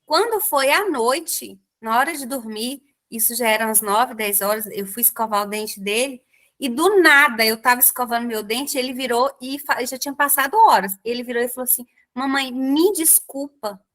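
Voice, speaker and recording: High-voiced Brazilian woman host. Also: moderate pace. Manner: lively anecdotal storyteller addressing listeners. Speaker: podcast host, psychologist. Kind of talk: conversational podcast, storytelling.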